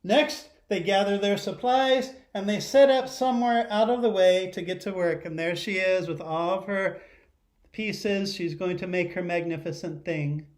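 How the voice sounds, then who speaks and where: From indoors in a living room at home, a middle-aged man speaks at normal speed with a high pitch and fairly even intonation. He gives young viewers a lesson and read-aloud in simple phrases, often asking them questions.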